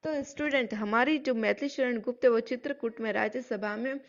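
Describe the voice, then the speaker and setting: A woman teaching a literature lesson. She recites verses slowly and draws them out, then explains them in plain talk. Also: on the high side, dull audio.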